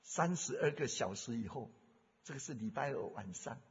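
A male preacher giving a sermon, fervent, moving from hushed storytelling to loud exhortation. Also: mid-range voice, expressive, normal speed, slightly rough. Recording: dull sound with long hall reverb.

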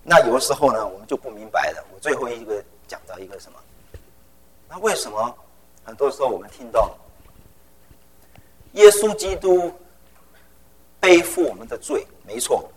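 A middle-aged man preaching a sermon. He talks in an animated way, drops English phrases into his speech and tells personal stories with vivid sound words. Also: medium pitch, normal speed, long pauses, low-quality recording.

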